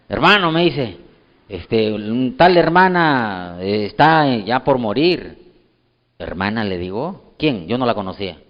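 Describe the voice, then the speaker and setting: A man's voice: medium pitch, in a large hall, muffled recording. A male pastor, preaching a sermon and acting out the dialogue of his own story.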